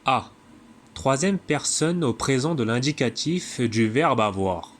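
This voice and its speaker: A man reading a classic text aloud in a measured way, now and then stumbling and correcting himself. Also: mid-range voice, lively intonation. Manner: measured, with occasional slips and self-corrections. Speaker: reader.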